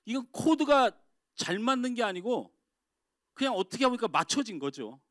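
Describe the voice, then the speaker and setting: Middle-aged male pastor, sermon delivery, slightly high voice, dry close sound, big shifts between emphatic and hushed. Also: big pitch swings, normal speed, no echo. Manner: swings from loud emphatic outbursts to quiet confiding asides. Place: church sanctuary.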